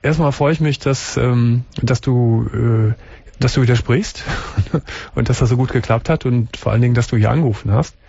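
A man's voice: medium pitch, moderate pace, vocal fry, warm tone, breathy edge, no echo. Radio host man asking callers questions. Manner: friendly, direct questioning of callers. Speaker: radio talk show host. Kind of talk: late-night call-in radio talk. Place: radio studio. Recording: dull, lo-fi radio broadcast.

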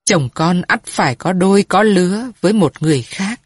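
A woman voicing a grieving old grandmother who speaks softly and pleadingly to her dead daughter, in a storybook reading. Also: on the low side, animated, moderate pace, breathy edge, no echo, studio quality. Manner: soft, mournful, pleading address.

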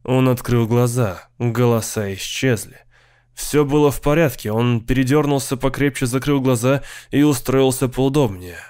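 A man's voice: medium pitch, moderate pace, darkish tone, clean tone, no echo, studio quality. Man reading a dramatic audiobook. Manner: acts out the character's cries with rising intensity. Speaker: audiobook narrator.

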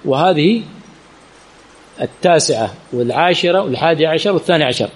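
Animated and brisk, a man with a fairly high voice teaches hadith chain studies as a sheikh at a religious teaching center. His classroom lesson includes Q&A, and he often tests students with rhetorical questions, repeating important words.

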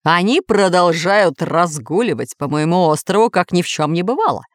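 A woman's voice: fairly low pitch, lively intonation, normal speed, no room sound, studio quality, natural voice. A woman voicing a pompous, angry male villain lord in a children's audiobook, growling and snapping. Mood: furious. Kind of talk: audiobook character voice.

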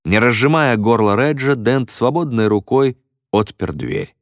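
A man narrating an audiobook in an expressive storytelling manner, recorded close on a studio mic. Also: mid-range voice, a little slow, no room sound. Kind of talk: scripted narration.

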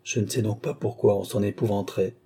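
A man reading the part of a calm, coldly rational young prince, speaking in a measured, explaining way. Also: on the low side, slightly rough. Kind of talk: audiobook character reading.

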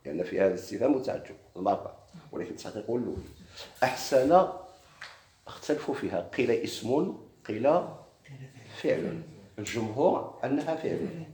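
Fast-talking Moroccan grammar teacher. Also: male voice, medium pitch, animated, a little mellow, echoey room. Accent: Moroccan Arabic. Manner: explains step by step, quizzing students with questions. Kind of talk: classroom lesson.

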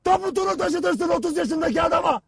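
An actor playing a stern male army commander who berates his soldiers in a harsh, shouting, cutting voice. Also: extremely high pitch, fairly quick, vocal fry, dry recording. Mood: bitter. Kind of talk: film drama acting.

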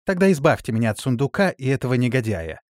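A man's voice: mid-range voice, very animated, quick pace, a little mellow, dry recording, studio quality, natural voice. An actor voicing a flustered, bossy female gnome ruler in a storybook reading. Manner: hasty, commanding.

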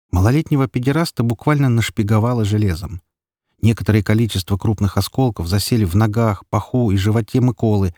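Husky guy reading a grim audiobook, low voice, dry close sound. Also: mellow, dry recording. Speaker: audiobook narrator. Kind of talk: dramatic audiobook narration.

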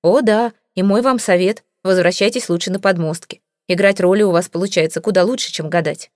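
A woman voicing a composed, ironic gentleman detective. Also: on the low side, brisk, no room sound, studio quality, natural voice. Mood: dry.

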